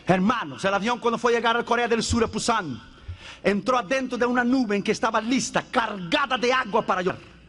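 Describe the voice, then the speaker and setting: A man preaching a sermon as an evangelist, telling stories dramatically with bursts of shouting. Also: very high-pitched, a little fast.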